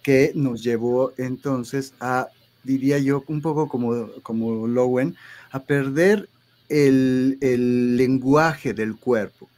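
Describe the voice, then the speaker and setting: Explanatory man, mid-pitched. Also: steady tone, takes it slowly, a little mellow. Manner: explanatory, hesitant restarts, tag questions. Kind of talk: explanatory interview talk.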